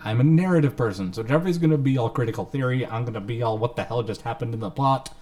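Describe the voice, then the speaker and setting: A man's voice: medium pitch, fast talker, darkish tone. Young male podcast co-host, plain mid voice, playful storyteller. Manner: joking, storytelling. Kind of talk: casual chat.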